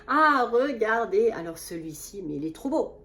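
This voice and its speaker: A woman's voice: on the high side, big pitch swings, normal speed, fairly bright tone, a little hiss or hum. A woman chatting casually to her viewers in a product review vlog, enthusiastic and full of fillers and restarts, seated at a small table. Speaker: beauty vlogger. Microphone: camera mic at a small table.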